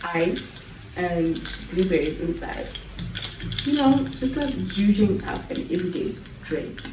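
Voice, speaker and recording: A nineteen-year-old woman YouTuber chats casually in a vlog, laughing easily and often restarting her sentences. Her voice is on the low side, animated and slow, with music playing in the background. The room is echoey and the mic is far off.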